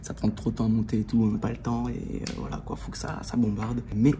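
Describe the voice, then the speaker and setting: A man speaking quietly to camera from inside a bookshop, hushed and low-key. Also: flat delivery, fast talker. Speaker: vlogger. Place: indoors in a bookshop. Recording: noisy background.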